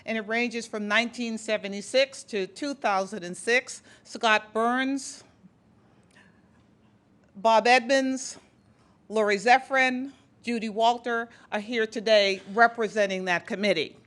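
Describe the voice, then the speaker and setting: A woman's voice: fairly high pitch, fairly even intonation, a little slow, a bit bright. A woman with a Boston accent presenting an award at a conference, speaking earnestly with frequent restarts. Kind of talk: prepared speech at a podium.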